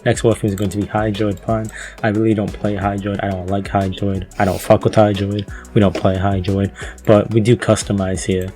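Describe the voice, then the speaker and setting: A man's voice: on the low side, level tone, moderate pace, mellow, soft background music. A man talking casually over a gaming video, loose and laid-back, with lots of fillers and the odd swear.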